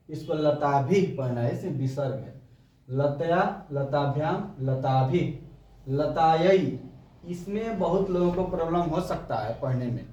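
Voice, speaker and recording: A man teaching a class at a coaching center, his voice a touch high as he chants each form slowly, one by one, for students to copy. He sounds distant from the mic in a reverberant room, and the recording is muffled and dull. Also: dark tone. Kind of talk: slow recitation lesson.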